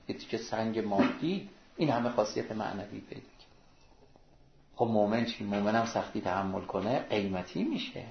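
A man preaching a sermon, emphatic and exhorting, with sudden rises and hushed drops, in a roomy, dull recording. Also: on the low side, gravelly.

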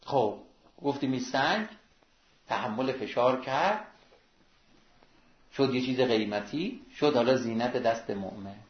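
A man preaching a sermon, emphatic and exhorting, with sudden rises and hushed drops, in a roomy, dull recording. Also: medium pitch, lively intonation, long pauses.

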